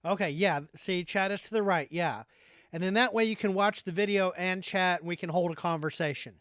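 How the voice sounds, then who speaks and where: A man's voice: sits high, a little fast, a bit bright, no echo, studio quality. A man hosting a casual livestream chat, thinking aloud in a hesitant way. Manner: hesitant, thinking aloud while figuring things out. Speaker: livestream host.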